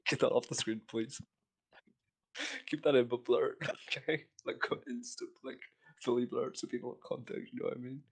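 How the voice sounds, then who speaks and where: A man's voice: medium pitch, fairly even intonation, moderate pace, breathy edge. A man co-hosting, joking and feeding lines to his friend in casual chat. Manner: joking, prompting.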